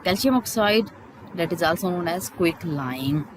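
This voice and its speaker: A chemistry teacher explains textbook points in a halting way, repeating key terms as in a school lesson. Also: medium pitch, lively intonation, background noise.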